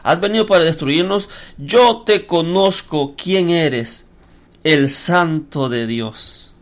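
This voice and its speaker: A preacher voicing a frightened unclean demon. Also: male voice, fairly high pitch, slow pace. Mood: alarmed. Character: unclean demon, male spirit, fearful and defiant.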